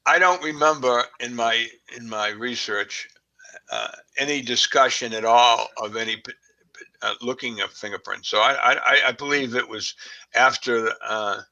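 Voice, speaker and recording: A man with a Boston accent, talking as a guest expert in a casual discussion, pausing often with fillers and restarts. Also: mid-range voice, bright, forceful tone, lo-fi sound. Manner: halting, many fillers and restarts.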